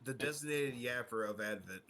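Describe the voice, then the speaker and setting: A man's voice: mid-range voice, a little fast, bright, forceful tone. A young man co-hosting a podcast in casual chat, joking and often restarting his words. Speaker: podcast co-host.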